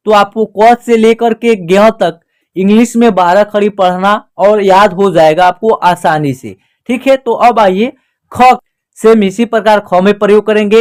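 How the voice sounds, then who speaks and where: A patient teacher explaining step by step in a clear, smooth voice of medium pitch. The teacher keeps posing little questions aloud and answering them at once, repeating each point so it sticks. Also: darkish tone. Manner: slow, patient and repetitive explaining. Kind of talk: spoken classroom lesson.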